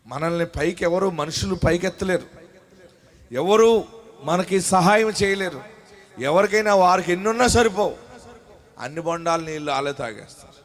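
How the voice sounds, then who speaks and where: A Telugu-accented male pastor delivering a sermon. His voice sits a little above the usual pitch for a man. He swings from fervent shouted calls to low, confiding storytelling. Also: normal speed, long pauses.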